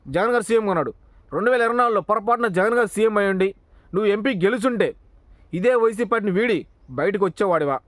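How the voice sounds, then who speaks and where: A man's voice: high-pitched, fairly bright tone, no room sound. A man giving a heated political monologue, confronting his target with rhetorical questions. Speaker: political commentator, channel owner.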